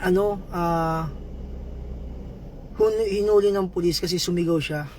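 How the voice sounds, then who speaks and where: A man livestreaming, chatting with viewers, giving shoutouts and telling a joke story in a casual, playful way. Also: sits high, fairly even intonation, measured pace, a little hiss or hum. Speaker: livestream vlogger.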